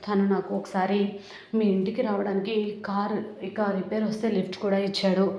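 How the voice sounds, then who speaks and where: A woman retelling a TV serial episode in a steady storytelling manner, reading the characters' lines in her own voice. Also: medium pitch, moderate pace, highs cut off. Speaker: serial recap narrator. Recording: roomy echo.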